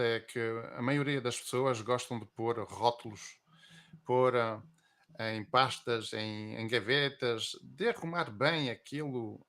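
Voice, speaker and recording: A slow-speaking man gives reflective interview answers. He pauses often and fills the gaps with drawn-out "ahm" and "eh" sounds while he picks his words. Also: medium pitch, a bit bright. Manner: reflective, hesitant with many drawn-out fillers. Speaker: guest.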